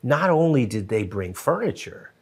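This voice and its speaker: Animated middle-aged man, podcast guest. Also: medium pitch, moderate pace, husky. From Western Pennsylvania. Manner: animated, gestures a lot, frequent restarts. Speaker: podcast guest, TV show co-creator. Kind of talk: casual interview chat. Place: wood-paneled podcast studio. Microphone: studio mic on boom arm.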